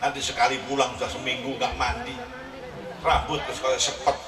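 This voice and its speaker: A male preacher giving an animated, humorous sermon at a gathering, mixing in regional words and shouting his punchlines. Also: medium pitch, a little fast, crowd noise. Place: large hall with audience. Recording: echoey hall recording from far off, audience noise.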